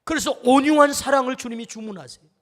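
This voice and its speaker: A man's voice: very high-pitched, quick pace, fairly bright tone, long reverb tail. A male pastor giving an earnest storytelling sermon, acting out the quotes in it. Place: church sanctuary.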